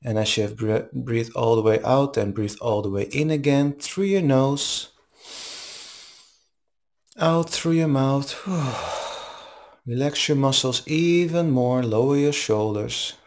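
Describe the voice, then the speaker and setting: Male meditation teacher, calm and soothing, very unhurried delivery, leaves space between short instructions. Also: medium pitch, gravelly. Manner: slow, calm, soothing, with long pauses. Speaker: meditation teacher leading a live online session.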